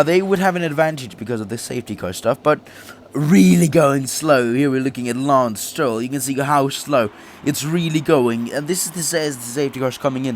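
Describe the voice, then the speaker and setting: A little hiss or hum accompanies this young man's mid-range voice. A gaming YouTuber who says he's sick and sounds a bit off, he chats through his racing game career race, laughing often and restarting his sentences.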